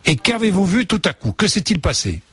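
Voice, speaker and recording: A man's voice: high voice, sing-song, brisk, fairly bright tone, slightly rough. A man interviewing live on radio, prompting with short questions, echoing answers and reassuring.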